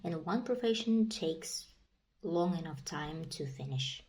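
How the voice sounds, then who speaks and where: In this casual vlog monologue, a young native Kazakh speaker with a Kazakh accent talks to camera in a rambling, repetitive way, filling gaps with "you know" and "like." Her deep voice is animated yet measured in pace and a little mellow. There's a little hiss or hum on the recording.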